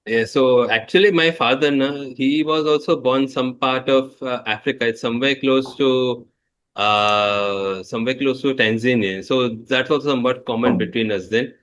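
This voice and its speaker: A man's voice: medium pitch, normal speed, a bit bright. Man hosting an interview. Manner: brief affirmations, formal questions. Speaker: interview host. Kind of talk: interview questions.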